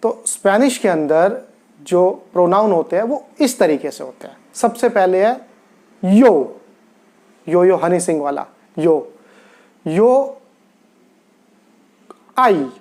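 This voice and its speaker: A man teaching a grammar lesson step by step, deliberately repeating key words for his learners. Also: sits high, lively intonation, a little mellow. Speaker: Spanish teacher.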